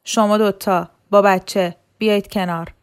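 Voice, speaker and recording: A woman's voice: mid-range voice, fairly even intonation, clean tone, natural voice. A woman reading a storybook, voicing a young male militia soldier who gives curt commands. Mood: impatient.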